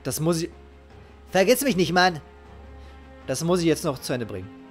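With lively intonation and a fairly high pitch, a middle-aged man chats through a game at normal speed. He streams it live from an indoor home setup, sounding invested and emphatic and repeating his lines. His headset mic sits close, and game music fills the background.

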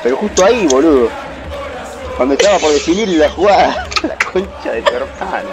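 A man's voice: fairly high pitch, lively intonation, fairly quick, over a noisy crowd, heavy background noise. A young man with an Argentine Rioplatense accent, playing a football video game and teasing and mocking his opponent with plenty of swearing. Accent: Argentine Rioplatense Spanish. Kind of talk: trash-talking gameplay chat.

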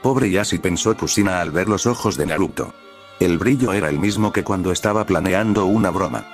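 A man narrating a fan story aloud in an even, unhurried reading. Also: deep voice, soft background music.

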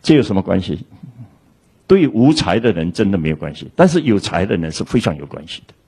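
Man lecturing and telling stories, kinda husky, voice goes up and down a lot. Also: deep voice, fairly quick. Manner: animated, acts out quoted dialogue. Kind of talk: storytelling lecture.

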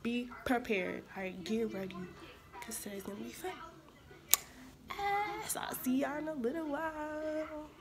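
A young woman vlogging casually to her viewers, her voice slightly hoarse from a cold, chatting informally and calling them y'all. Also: high-pitched, a little slow. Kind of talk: casual vlog chat to camera.

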